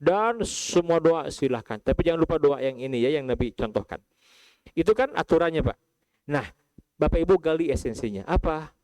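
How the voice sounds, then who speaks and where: Animated preacher with a Sundanese accent. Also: male voice, moderate pace, no echo. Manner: addresses listeners as Pak and Bu, asks rhetorical questions; shifts between calm low recitation and high animated outbursts. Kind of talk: sermon to pilgrims.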